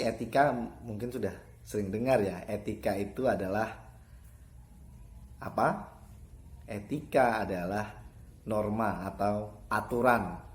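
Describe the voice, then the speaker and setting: A man with a fairly low voice gives an online lesson to students. He explains step by step, repeats the key terms and shifts his tone to demonstrate a point.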